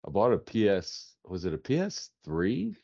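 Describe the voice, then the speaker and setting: A man's voice: fairly low pitch, wildly swooping pitch, a little slow, creaky, warm tone. A man, co-hosting a casual podcast, laughing and self-mocking as he talks. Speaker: podcast co-host. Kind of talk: casual chat. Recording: dull lo-fi podcast mic.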